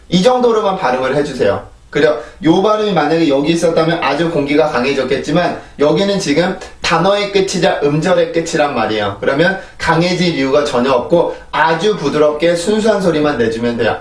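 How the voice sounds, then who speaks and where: A man's voice: a little high, distant mic. Man drilling English pronunciation, echoey room. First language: Korean. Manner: explains step by step, then drills words in repeated sets. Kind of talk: pronunciation lesson.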